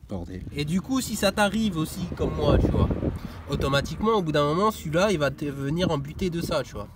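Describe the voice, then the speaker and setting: A man's voice: on the high side, very animated, fairly quick, heavy background noise. A young man casually explaining a car repair in a workshop, slangy and swearing, constantly saying "tu vois". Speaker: car mechanics vlogger. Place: garage workshop.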